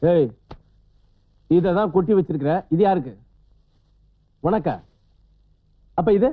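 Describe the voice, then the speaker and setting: Blustering kidnapper, gruff bullying, high voice, dull lo-fi sound. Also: male voice, slow pace. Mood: threatening. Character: blustering small-time kidnapper, bossy and threatening. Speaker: comic film character. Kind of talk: comic film dialogue. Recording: dull lo-fi film audio.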